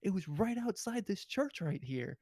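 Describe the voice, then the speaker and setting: A man's voice: sits high, big pitch swings, moderate pace, darkish tone, dry recording, studio quality, voice pushed up, full character voice. A man voicing a gleeful male pimp and drug dealer who brags about killing people, in a comic movie recap. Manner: bragging, amused by his own killings.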